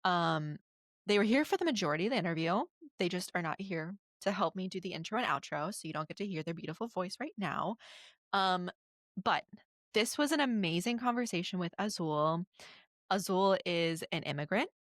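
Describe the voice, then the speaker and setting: Woman podcast host, enthusiastic, filler-heavy, slightly low voice, dry sound. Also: expressive, moderate pace, a bit bright, no echo. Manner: enthusiastic, many filler ums. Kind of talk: casual podcast hosting.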